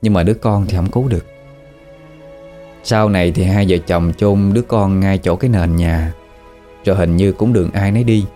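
A man with a Southern Vietnamese accent narrating a ghost story in a relaxed, folksy way with fillers. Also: low voice, normal speed, long pauses, faint music behind.

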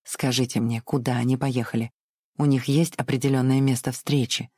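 A reader voicing a composed gentleman in an audiobook, brisk and urgent. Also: medium pitch, level tone, slightly rough, no echo, studio quality, lightly acted. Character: cool, composed Southern gentleman. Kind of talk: audiobook reading.

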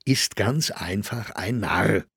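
A man's voice: lowish voice, slow, creaky, a bit bright, slightly rough, dry recording, studio quality, exaggerated voice. A man voicing a blunt, mocking male actor who scoffs at the others in a storybook. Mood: scornful.

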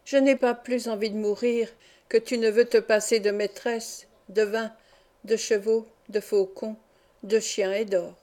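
A woman's voice: fairly high pitch, little pitch movement, measured pace, warm tone, lightly acted. A woman reading the lines of a dying old nobleman, frail and domineering, who speaks in a weak, muffled, grumbling voice.

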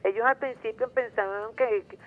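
A woman's voice: on the high side, fairly even intonation, moderate pace. A woman with a Venezuelan accent calling into a radio show, talking in a rambling, repetitive, indignant way. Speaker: caller. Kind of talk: phone-in call to a radio show. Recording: tinny phone line.

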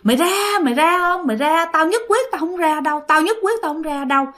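A woman with a Southern Vietnamese accent voicing an angry female spirit possessing a girl, rough and hostile. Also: high voice, big pitch swings, normal speed, fairly bright tone. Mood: threatening.

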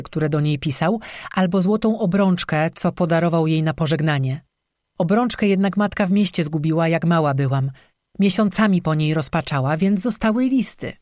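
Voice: medium pitch, darkish tone, dry recording, studio quality, lightly acted. Narrator doing a bitter, weeping young strzyga woman. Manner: bitter, tearful confession with sobbing.

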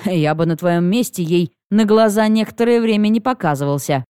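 A woman reading an audiobook, voicing a wry, teasing older male dragon with a slow, drawling delivery in a dry, close recording. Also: mid-range voice, a little mellow, smooth, dry recording, lightly acted.

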